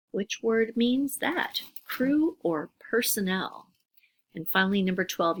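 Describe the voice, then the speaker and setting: A woman teacher giving a recorded phonics lesson to young children, upbeat and clearly enunciated. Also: fairly low pitch, a bit bright.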